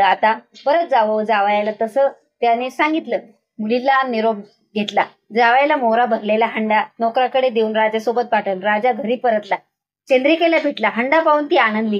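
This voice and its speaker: A woman tells a devotional folk tale in an even, recited cadence. Her voice sits fairly high. The recording is muffled, with the bright top end dulled. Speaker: storyteller. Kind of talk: devotional story narration.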